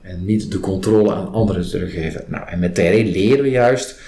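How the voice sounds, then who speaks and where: A man's voice: sits low, brisk, dark tone. A man being interviewed as a trainer, explaining his method in conversational talk with acted-out example questions. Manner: acts out example questions and client remarks while explaining. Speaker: trainer in a body-based stress release method, interviewed. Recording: roomy echo, clear background noise.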